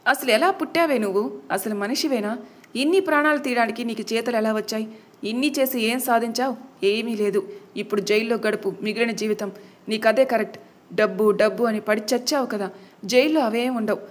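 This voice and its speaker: A woman's voice: on the high side, fairly quick, natural voice. A woman doing an indignant young man. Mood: scornful. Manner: scolding, indignant. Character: angry young man, betrayed son.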